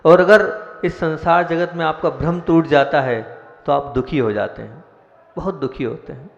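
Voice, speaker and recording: A man's voice: fairly high pitch, normal speed, gravelly. Man monk preaching, quizzes the crowd, muffled and roomy. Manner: teaching, asks the audience questions, explains step by step. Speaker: senior monk giving discourse. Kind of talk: devotional sermon. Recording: echoey hall, dull lo-fi sound.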